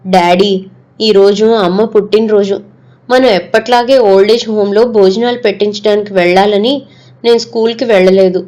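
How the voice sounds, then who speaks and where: A woman's voice: mid-range voice, steady tone, moderate pace, a little mellow, close to an everyday voice. A woman voicing a young schoolgirl who is grieving her late mother, speaking earnestly and plaintively. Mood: tearful.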